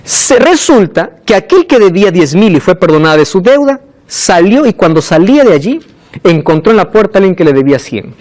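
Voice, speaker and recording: A male pastor preaching a sermon, asking the congregation questions and dropping from loud, emphatic peaks to soft, low lines. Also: sing-song, fairly quick.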